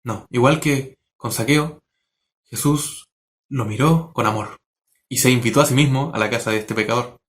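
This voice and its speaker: Earnest man preaching with measured pauses. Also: mid-range voice, a bit bright, a little hiss or hum. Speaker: Sunday school teacher. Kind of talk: sermon and closing prayer.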